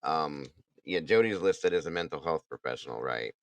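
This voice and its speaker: A man's voice: very deep voice, lively intonation, moderate pace, no room sound. A man hosting a casual true crime talk, blunt and indignant, swearing now and then. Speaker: true crime podcast host. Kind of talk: casual chat.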